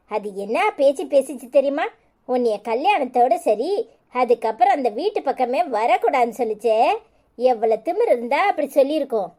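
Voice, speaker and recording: Woman as a defiant cartoon bride, Tirunelveli accent, high, mellow voice. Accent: Tirunelveli Tamil. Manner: defiant, boastful. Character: bride, young woman, bold and cunning.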